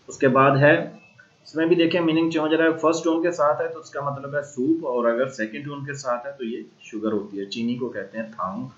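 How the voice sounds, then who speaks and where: A man with a Pakistani accent teaching an online language class, slowly drilling and repeating sounds. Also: medium pitch, dull audio. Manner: slow repeated drilling of tones.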